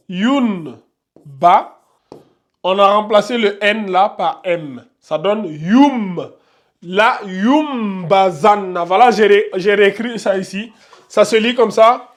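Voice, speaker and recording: High-voiced man teaching in a classroom. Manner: repeats each point and checks understanding; slows down to spell out Arabic pronunciations. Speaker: tajwid teacher. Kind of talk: classroom lesson at a board. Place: classroom with students.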